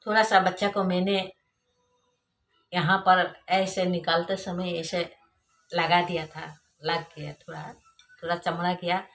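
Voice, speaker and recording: Woman, Assamese accent, native Assamese speaker, slow, lowish voice, personal anecdote, hmm and haan fillers. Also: flat delivery, a bit bright. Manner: unhurried recounting with frequent hmm and haan fillers.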